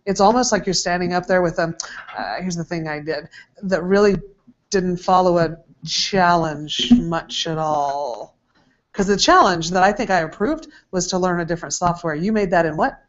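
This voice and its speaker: A camp teacher with a lowish voice questions a student in front of a group at a normal pace, teasing but encouraging and using lots of fillers. The recording sounds dull and lo-fi.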